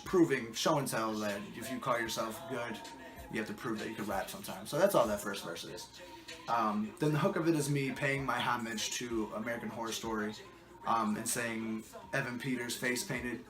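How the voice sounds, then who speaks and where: Man talking over loud music. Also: mid-range voice, echoey room. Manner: thoughtful, many ums and restarts. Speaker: rapper explaining his songs. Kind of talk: casual spoken track commentary.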